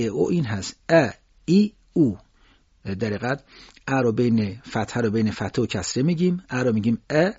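Male radio recitation teacher, medium pitch, slightly husky, patient explainer, dry muffled studio sound. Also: a little mellow, no echo. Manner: patient explanation, pausing often with fillers; demonstrates vowel sounds slowly and drawn out. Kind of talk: radio lesson on Quran recitation.

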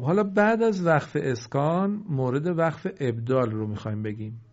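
A man teaching the rules of pausing in Quran recitation. He draws out each example word slowly, then asks what it becomes and answers himself. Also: medium pitch, a little mellow, lo-fi sound.

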